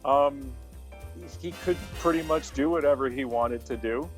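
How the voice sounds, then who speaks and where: A man's voice: medium pitch, measured pace, soft background music. A man telling a casual anecdote, with many fillers as he goes. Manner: chatty, filler-heavy storytelling. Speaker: guest.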